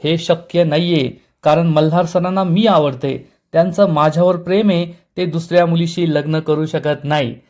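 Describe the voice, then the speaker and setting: एक पुरुष प्रेमात पडलेल्या हट्टी नायिकेच्या ओळी वाचतो. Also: male voice, on the high side, steady tone, normal speed, hardly any pauses, a little mellow, close to an everyday voice. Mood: insistent. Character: lovestruck young heroine.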